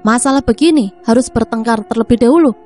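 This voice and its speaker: A woman voicing a middle-aged wife who scolds quarrelling brothers in a shrill, high voice. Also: fast, dark tone, faint music behind, close to an everyday voice. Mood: scolding.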